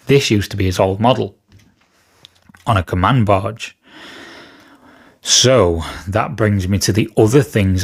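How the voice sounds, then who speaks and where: A man hosting a wargaming channel chats casually to camera about rumours. He's just woken up, so his low-ish voice is slightly rough, and he hedges and corrects himself with fillers.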